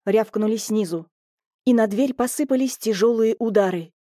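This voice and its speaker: A woman narrating a first-person audiobook in a lively, mocking manner. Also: a little high, normal speed, no room sound, studio quality.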